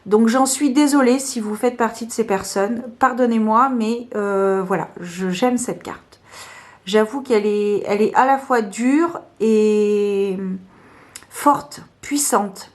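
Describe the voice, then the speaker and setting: Woman, casual tarot vlog, hesitant with fillers, unhurried, fairly high voice. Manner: hesitant, many fillers and restarts; slow, soft-spoken. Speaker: tarot vlogger. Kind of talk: casual show-and-tell of tarot cards.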